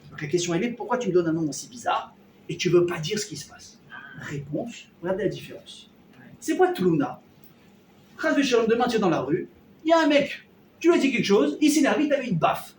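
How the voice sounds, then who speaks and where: A man teaching a lively Torah class to a live audience, acting out everyday dialogues and firing questions at his listeners. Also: high voice, brisk. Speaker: rabbi teaching a weekly class. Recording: roomy hall, mic at a distance, faint noise.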